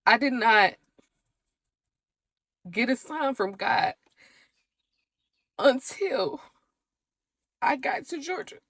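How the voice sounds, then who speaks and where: A young woman, chatting to the camera in an emotional, animated way about her move. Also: high voice, very slow, long pauses, no room sound. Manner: emotional, animated storytelling with laughs. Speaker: vlogger. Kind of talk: casual chat to camera.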